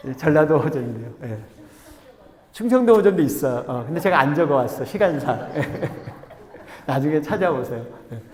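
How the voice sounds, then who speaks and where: Animated male pastor in an echoing church. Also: fairly high pitch, moderate pace. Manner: animated storytelling, addresses congregation. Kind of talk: sermon. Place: church sanctuary. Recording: echoey church hall.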